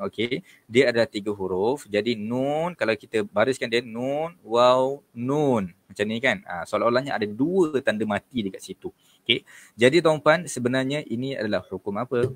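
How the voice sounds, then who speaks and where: A man with a Malaysian Malay accent teaching Quran recitation in a relaxed online lesson, patiently repeating letters and corrections, often saying okey, and chanting verses slowly to demonstrate. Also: mid-range voice, no room sound.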